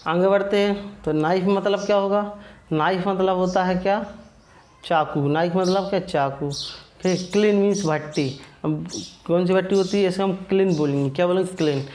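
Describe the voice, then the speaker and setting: A man's voice: high-pitched, moderate pace, a little mellow, a little hiss or hum. A man teaching an English vocabulary lesson, casual and repetitive, often asking a question and answering it himself. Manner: casual, self-correcting.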